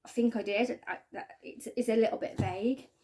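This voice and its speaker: A woman giving a halting, earnest personal testimony to camera, often trailing off quietly. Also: a little high, fairly even intonation. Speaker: spiking victim sharing her story.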